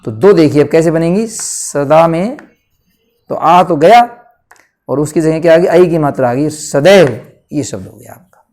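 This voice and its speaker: A man with a north Indian Hindi accent teaching a grammar lesson at a board. He asks questions and answers them himself, and he stretches words out slowly to show how they are said. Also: a little high, expressive, a little mellow.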